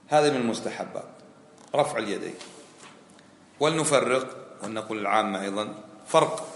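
A sheikh with a fairly low, fairly bright voice teaches a colloquial fiqh lesson on the rulings of prayer, quizzing his students and repeating the key phrases. The recording comes from an echoey hall with faint ambient noise.

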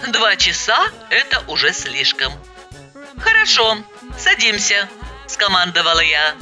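A woman's voice: lowish voice, very animated, normal speed, bright, forceful tone, soft background music. A woman narrating a first-person story aloud, expressively acting out the dialogue.

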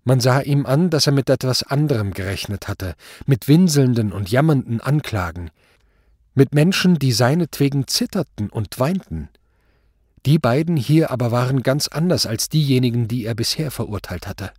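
A man narrating a novel in an expressive, dramatic reading. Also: medium pitch, normal speed, slightly rough, no room sound, clean studio sound. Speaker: reader. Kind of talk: audiobook narration.

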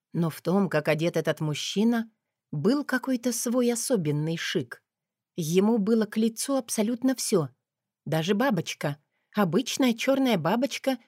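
A woman narrating a first-person novel in an expressive, sardonic manner. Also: mid-range voice, no echo, studio quality. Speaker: audiobook narrator.

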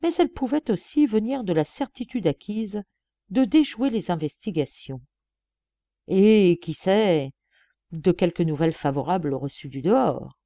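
Woman reading an audiobook, low mellow voice, very expressive. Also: a little slow, no room sound. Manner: expressive storytelling. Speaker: audiobook reader. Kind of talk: audiobook narration.

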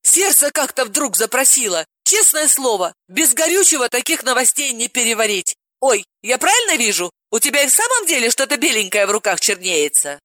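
A woman voicing an excitable, gossipy woman friend who gasps and exclaims dramatically in an audiobook. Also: fairly high pitch, brisk, hardly any pauses, dry recording, pitched above the performer's own voice. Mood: shocked. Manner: gasping, exclaiming, over-dramatic.

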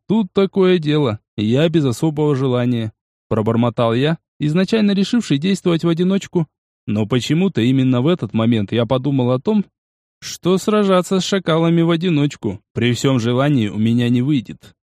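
A man narrating a first-person audiobook in a steady, measured way. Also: mid-range voice, no room sound, studio quality.

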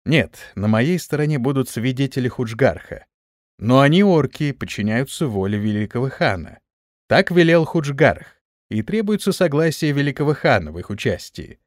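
A man reading an audiobook, voicing a sly, bold young male hero in a brash, lively tone. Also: mid-range voice, moderate pace, dry recording, clean studio sound, lightly acted. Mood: scheming.

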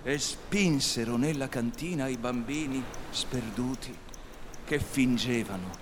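A man's voice: mid-range voice, a little slow, in a large hall, noisy background. Man reading a story, theatrical. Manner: theatrical, varied delivery. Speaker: story reader.

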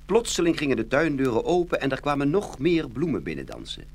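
Telling a scripted fairy tale for children, a man uses a dramatic, expressive storytelling style, his medium-pitched voice moving at a brisk pace.

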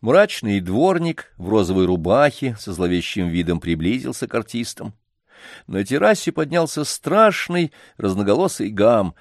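A man narrating an audiobook in a measured, even manner. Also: on the low side, dry recording, studio quality.

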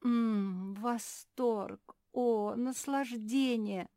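A woman's voice: medium pitch, very animated, a little slow, dry recording, studio quality, voice pushed up. A woman voicing a female seamstress who gushes with delight. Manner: rapturous, gushing.

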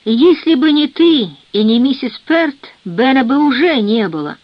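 A woman voicing an eager, excitable young sailor who talks with enthusiasm, in a dull, dry recording. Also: sits high, unhurried, no echo, voice pushed up. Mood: agitated.

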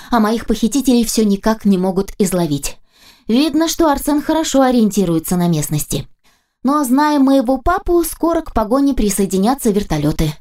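A woman reading a first-person audiobook aloud in a lively, ironic manner. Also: on the high side. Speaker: audiobook narrator.

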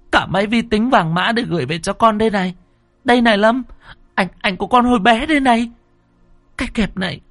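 A man's voice: sits high, gravelly, a bit bright, no echo, voice pushed up, exaggerated voice. A man voicing a grieving middle-aged mother who cries, stammers and pleads with her son. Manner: wailing, stammering pleas. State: crying.

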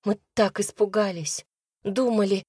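A woman voicing a shy, loving young woman who speaks softly, in an audiobook. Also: mid-range voice, steady tone, unhurried, breathy edge, dry recording, clean studio sound, voice pushed up. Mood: hushed. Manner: soft, hushed.

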